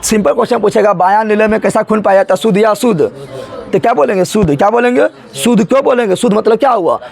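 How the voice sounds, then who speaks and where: Talking fast in a high, gravelly voice, a male biology teacher drills his students with repeated questions, answering each one himself in colloquial regional speech.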